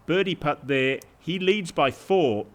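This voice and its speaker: A man working as a golf commentator, giving measured television highlights commentary with brief exclamations. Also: lively intonation.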